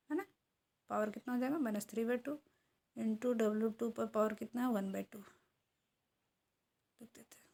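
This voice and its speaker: Woman lecturer, lesson, mellow tone, fairly high voice, talks through each step. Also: vocal fry. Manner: talks while writing, asks and answers own questions. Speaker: economics teacher.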